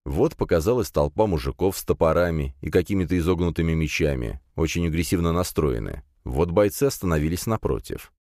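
A man reading a first-person fantasy audiobook with an expressive, dramatic delivery. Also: low-pitched, fairly quick, few pauses, no echo, studio quality. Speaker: audiobook narrator.

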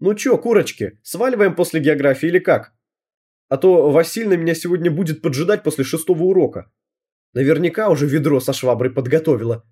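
A man's voice: on the high side, fairly quick, mellow, slightly rough, pitched above the performer's own voice. A man voicing a brash, bossy teenage girl gang leader with cocky street slang in an audiobook reading.

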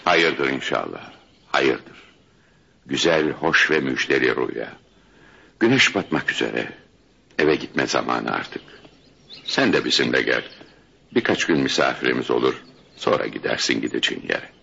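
A wise elderly sage with an extremely deep, gravelly voice that carries a sharp, bright edge. He speaks slowly and soothingly, with unhurried authority. The sound is muffled, like an old archival radio play. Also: very animated, full character voice. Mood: gentle consoling. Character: wise elderly male spiritual guide, calm and commanding. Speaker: radio drama actor. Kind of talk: 1970s-style Turkish radio theatre acting.

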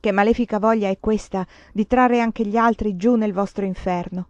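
A woman's voice: mid-range voice, steady tone, moderate pace, darkish tone, no room sound, close to an everyday voice. Brief: woman reading an ardent young man, urgent and protective, dry lo-fi storybook read. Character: passionate young male suitor, tender and jealous.

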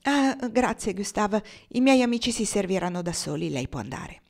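A composed, somewhat pompous older male lawyer holds court in measured, formal sentences, as a woman reads him aloud. His speech is unhurried and deliberate. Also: mid-range voice, big pitch swings, vocal fry, a little mellow. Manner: measured, formal storytelling delivery.

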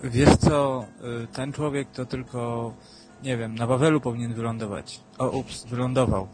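A male caller with a mid-pitched voice who argues his point with dry, skeptical humour. His voice comes through a low-bitrate radio stream with faint music under it. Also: steady tone, normal speed, darkish tone. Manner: skeptical, argumentative, wry. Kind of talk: casual political talk radio chat.

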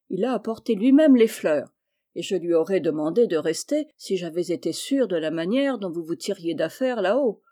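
A woman reading the part of a kind mother of four daughters, calm and reassuring. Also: mid-range voice, close to an everyday voice.

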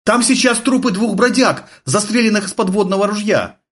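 A man voicing a flustered, excitable young army sergeant who blurts and yelps his lines in an audiobook. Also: normal speed. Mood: reporting. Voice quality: shrill, blurting, agitated. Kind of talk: audiobook character voice.

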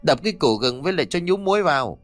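A man voicing a gruff, bossy old male village exorcist who barks orders and scolds. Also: a little high, expressive, quick pace, soft background music, pitched above the performer's own voice, natural voice. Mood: bossy scolding.

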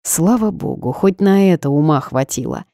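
Bossy brash girl friend, woman reading her, loud and bossy, dry close voice. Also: low-pitched, expressive, normal speed, no room sound. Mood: indignant. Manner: loud, emphatic, commanding.

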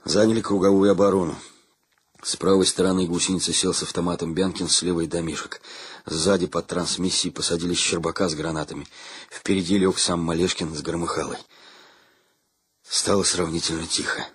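A man reading a war novel aloud as an audiobook narrator, steady storytelling. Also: low-pitched, a little fast, breathy edge, dry recording.

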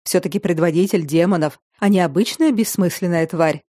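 An elderly nobleman full of quiet irony, put on by a woman narrator speaks calmly and teases gently. His delivery is dry and unhurried. The tone is low and mellow, and it is recorded close in a storybook reading. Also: dry recording, close to an everyday voice. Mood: wry. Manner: dry, ironic. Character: ironic elderly nobleman, calm and teasing.

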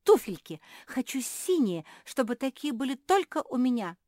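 Voicing a spoiled young female pug, a woman shrieks petulant, whiny demands in a lively, mid-range voice pitched above her natural one yet close to everyday speech. She talks at normal speed, and the studio-quality recording has no room sound.

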